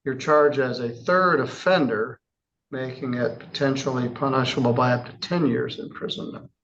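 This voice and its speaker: A man presiding as a judge in a courtroom, reading charges in a measured, formal way with casual asides. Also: medium pitch, fairly bright tone, highs cut off, slight background noise. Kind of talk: courtroom proceedings.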